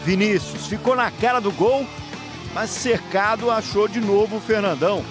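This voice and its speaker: A man's voice: high-pitched, normal speed, music in the background. A Brazilian man narrating a scripted football recap.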